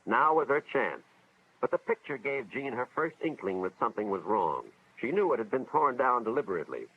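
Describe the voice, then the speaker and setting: A man's voice: mid-range voice, sing-song, brisk, slightly rough. An American man acting as an earnest school official, narrating a 1950s educational film in a dramatic, moralizing storytelling style. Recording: dull vintage film soundtrack, music behind.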